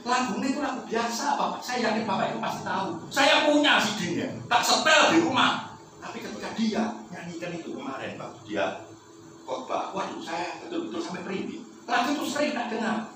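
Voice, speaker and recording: A male preacher tells a story in an animated way during his sermon and keeps turning to the congregation with questions. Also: high-pitched, brisk, far from the mic, background noise. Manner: animated, addresses the congregation often. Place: large echoey church hall. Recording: echoey hall, off-mic.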